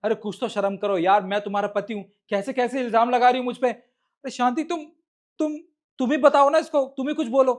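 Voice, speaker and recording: A man's voice: very high-pitched, fairly even intonation, brisk. A man playing a wronged husband who protests and pleads to be believed. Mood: pleading.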